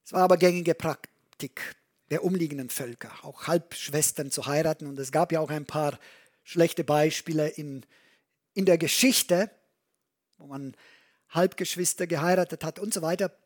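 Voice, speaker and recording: A preacher giving a sermon, reading verses aloud and retelling the story with animated commentary. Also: mid-range voice, moderate pace.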